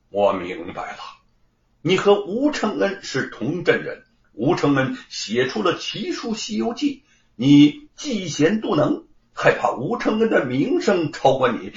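A man voicing a stern, shrewd prefect judge in an audiobook story, with a measured official cadence and booming pronouncements. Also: wildly swooping pitch, exaggerated voice. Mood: stern, mocking. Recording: roomy, slightly dull recording.

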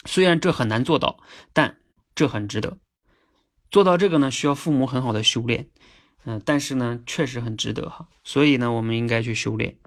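A man hosting a casual livestream, chatty and earnest, often checking in with listeners through quick tag questions. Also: mid-range voice. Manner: earnest, sometimes emphatic. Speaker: livestream host.

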